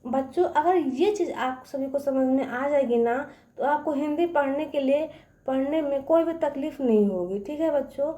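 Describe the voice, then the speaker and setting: High-voiced woman teaching small children. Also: warm tone, reverberant. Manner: slow, stretched-out word-by-word dictation; keeps checking understanding with questions. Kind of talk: children's reading lesson.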